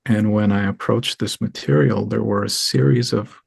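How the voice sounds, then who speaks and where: A low, gravelly man from Israel speaks as an interview guest, earnest and reflective, with a husky edge and many pauses. The sound is close and dry. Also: fairly even intonation, a little mellow, dry recording. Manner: earnest, thoughtful, halting with many ums.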